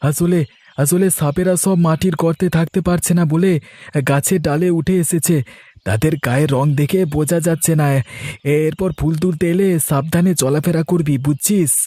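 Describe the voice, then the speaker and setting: Guy doing a headstrong cartoon son, high but mellow voice, music behind. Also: fairly even intonation, moderate pace, no echo, close to an everyday voice. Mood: reassuring father. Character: stubborn young son and calm protective father.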